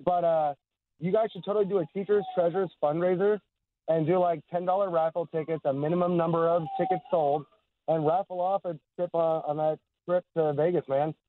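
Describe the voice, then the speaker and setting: A man calling a radio show on his phone's speaker from his car on the highway, easygoing and chatty. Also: steady tone, brisk, dry recording. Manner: easygoing, calls the host man and dude. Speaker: caller. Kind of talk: casual call-in chat. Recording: tinny speakerphone phone line.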